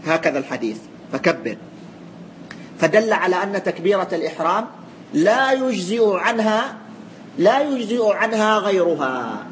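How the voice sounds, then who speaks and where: A man's voice: sits high, slight background noise. A man teaching religious law to a class, explaining by repeating his points and quizzing his students. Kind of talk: classroom lesson with student questions.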